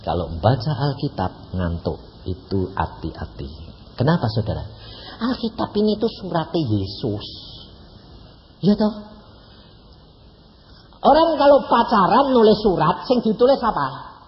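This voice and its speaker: A man in his eighties with a Javanese accent, preaching as an evangelist in a folksy, animated storytelling manner full of mock dialogue. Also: fairly high pitch, unhurried, pauses often. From Central Java, Indonesia. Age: 80s. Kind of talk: sermon. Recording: echoey hall, dull lo-fi, faint hiss.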